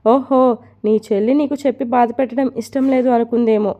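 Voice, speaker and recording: A woman's voice: a little high, fairly even intonation, brisk, highs cut off, lightly acted. A woman voicing a strict mother who scolds her daughter and orders her about. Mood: scolding. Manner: scolding, commanding. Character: stern strict mother forcing a marriage.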